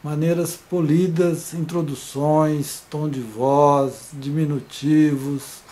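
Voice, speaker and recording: A man's voice: fairly high pitch, fairly even intonation, takes it slowly, warm tone. A man giving an informal video lesson, hesitant, with many repeated fillers and restarts.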